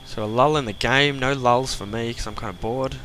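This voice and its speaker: A young man casting a strategy game match play-by-play, chatty and self-mocking with quick asides. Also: mid-range voice, fairly bright tone. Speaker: esports caster. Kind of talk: play-by-play commentary.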